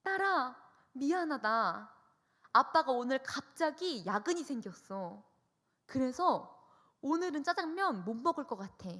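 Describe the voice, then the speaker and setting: Woman playing a gentle apologetic dad. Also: high-pitched, very animated, measured pace, long reverb tail, voice pushed up, heavily acted. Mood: coaxing. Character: kind apologetic father on the phone.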